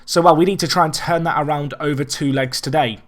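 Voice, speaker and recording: With a voice on the high side and a fast delivery, a young let's play host with a slight rasp and hoarseness chats through his own football management game. He rambles, restarts, and gets excited when big chances appear.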